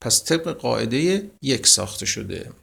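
Gravelly-voiced man teaching poetry rules. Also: medium pitch, very animated, a bit bright. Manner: asks questions then answers them himself, praising the unseen students; recites verses slowly and with weight. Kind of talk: explaining Persian poetry rhyme to students.

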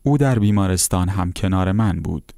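A man narrates a first-person account in a calm, measured way. His voice is very low and dark, with a mellow tone. The recording is close and dry, with no room around him. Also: vocal fry, dry recording.

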